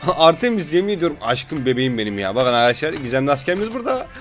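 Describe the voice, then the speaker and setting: A man's voice: fairly high pitch, big pitch swings, fast, faint music behind. A sleep-deprived man giving casual, playful gameplay commentary as a gaming YouTuber, joking with his viewers.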